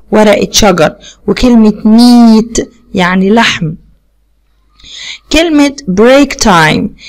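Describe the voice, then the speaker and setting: A woman's voice: on the high side, creaky. A woman with an Egyptian Arabic accent teaches young children English words in a recorded video lesson. She says each word twice and quizzes them with simple questions.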